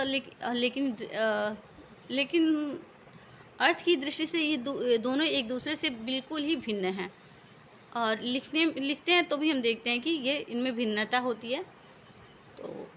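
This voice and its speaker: Woman teacher going word by word, patient, bright voice. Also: sits high, slight background noise. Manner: patient, methodical word-by-word explanation. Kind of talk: explaining Hindi vocabulary.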